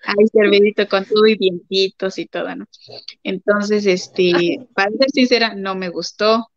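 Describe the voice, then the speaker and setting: A woman's voice: mid-range voice, fairly even intonation, moderate pace, no room sound. Chatty Mexican woman guest. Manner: chatty, many fillers, acts out quoted voices. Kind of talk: casual testimony chat. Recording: dry, dull lo-fi sound.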